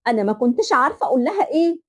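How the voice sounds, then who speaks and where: An Egyptian woman narrates a family story in the first person, confiding straight to her listeners. Her voice sits high, and she has an Egyptian accent. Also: big pitch swings, racing. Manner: confiding, addresses listeners directly.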